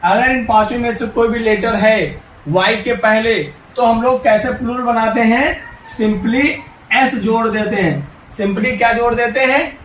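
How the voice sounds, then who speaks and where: Guy teacher with a high voice, keeps asking and answering his own questions, kinda far from the mic. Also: fairly even intonation, measured pace, fairly bright tone, a little hiss or hum. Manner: coaxing and encouraging, addresses children directly. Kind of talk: classroom-style English grammar lesson. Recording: echoey room, voice from a distance.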